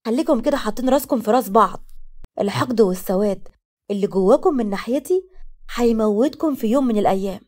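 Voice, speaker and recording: Brief: a loyal, emotional young Egyptian sister voiced by a woman, high and loud, quick to plead or scold. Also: lively intonation. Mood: angry. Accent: Egyptian Arabic. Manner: pleading, pitched up.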